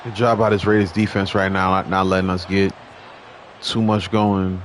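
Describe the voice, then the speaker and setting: A young man giving relaxed, conversational play-by-play commentary over a football video game. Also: deep voice, moderate pace, slight background noise. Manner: relaxed, conversational, mild restarts. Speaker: gaming commentator.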